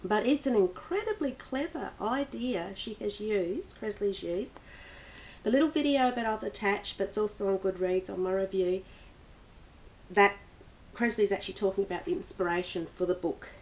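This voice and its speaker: A woman's voice: mid-range voice, normal speed. Chatty woman rambling about books. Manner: chatty, rambling, many restarts and laughs. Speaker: book vlogger. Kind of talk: casual book review chat.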